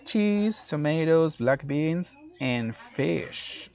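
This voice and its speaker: A man's voice: fairly high pitch, expressive, extremely slow, vocal fry, a little mellow. A man teaching an English lesson, explaining grammar casually and switching between two languages. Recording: dull lo-fi audio.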